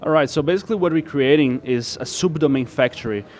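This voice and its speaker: A man's voice: on the high side, quick pace, darkish tone. A man from Brazil, a startup co-founder, explaining his project as an interview guest in a loose, filler-heavy way. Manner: explanatory, loose, full of "like" and restarts. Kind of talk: casual tech interview.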